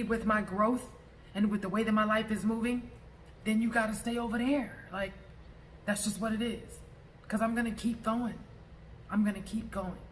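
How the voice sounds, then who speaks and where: Blunt, assertive vlogger with noisy background. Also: mid-range voice. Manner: casual speech with profanity. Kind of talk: personal vlog monologue addressed to a former friend.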